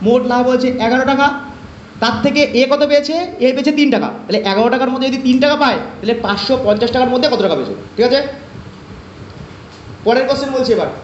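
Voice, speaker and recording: Fast high-voiced man teaching math. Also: a little hiss or hum. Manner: repetitive question-and-answer teaching. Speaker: math tutor. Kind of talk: online class lecture. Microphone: online class call. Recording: echoey, dull lo-fi online class audio.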